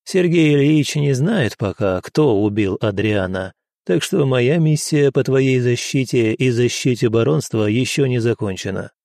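A man voicing a blunt, grim male commander who speaks quietly and in measured words. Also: mid-range voice, lively intonation, vocal fry, no room sound, studio quality. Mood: quiet resolve.

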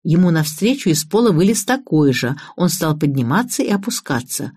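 Woman audiobook narrator, low husky voice, animated first-person telling. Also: normal speed, dry recording, clean studio sound. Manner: lively storytelling.

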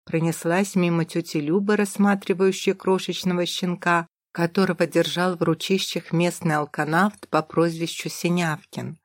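Woman reading a romance novel aloud, dramatic, lowish voice, dry close sound. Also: steady tone, normal speed, hardly any pauses, no room sound. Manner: dramatic, vivid storytelling. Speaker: audiobook narrator. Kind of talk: first-person novel narration.

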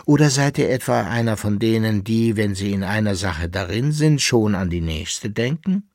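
A man reading aloud, voicing a haughty, teasing masked noblewoman in a playful, sharp tone. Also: on the low side, expressive, moderate pace, dry recording, clean studio sound.

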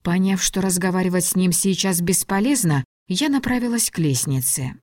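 A woman reading a first-person audiobook in an even, measured storytelling voice. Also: fairly low pitch, no room sound, clean studio sound. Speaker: audiobook narrator.

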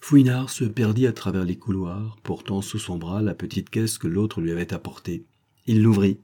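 A man narrating an audiobook in a steady, measured storytelling manner. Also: lowish voice. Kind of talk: scripted narration.

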